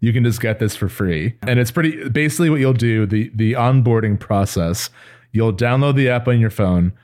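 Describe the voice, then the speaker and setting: A man co-hosting a casual podcast, explaining a game in a relaxed way with many fillers. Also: medium pitch, normal speed. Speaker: podcast co-host. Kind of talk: casual chat.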